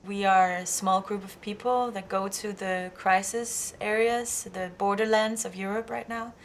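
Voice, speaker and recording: A woman's voice: mid-range voice, fairly even intonation, moderate pace, slight background noise. A woman filmmaker explaining her work in a reflective documentary interview.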